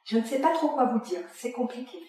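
Woman reading as a timid counter clerk, soft-spoken and unsure, in a roomy space. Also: sits high, fairly quick, lightly acted. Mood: hesitant. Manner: soft, hesitant, subdued. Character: hesitant civil servant at a counter, quiet and unsure. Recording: echoey room, voice from far off.

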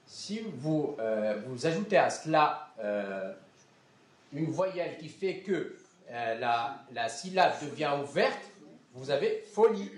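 A man's voice: medium pitch, animated, slow pace, reverberant. A man giving a lecture, explaining step by step and often checking that his students follow. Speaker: university lecturer.

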